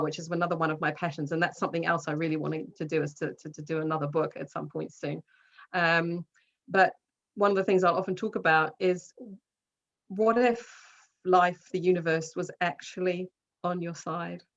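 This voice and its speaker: Nz lady talking slow and gentle on a call, kinda low voice, dull lo-fi sound. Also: fairly even intonation. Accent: New Zealand. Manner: slow, gentle, spiritual musing. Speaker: guest, author and colour healer. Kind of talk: reflective conversation on a call. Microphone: call recording.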